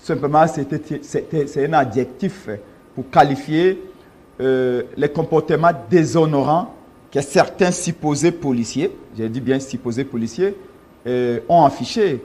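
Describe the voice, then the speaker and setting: Man from Congo, party official, slightly high voice, emphatic, argumentative interview guest. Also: a little slow, darkish tone, husky. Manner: emphatic, argumentative, rising in force when insisting. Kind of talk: political interview.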